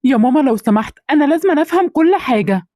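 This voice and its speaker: A woman voicing an earnest young male police officer in an amateur cartoon drama, talking in fast, pleading questions. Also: high voice, lively intonation, warm tone, no echo, clean studio sound. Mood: confused.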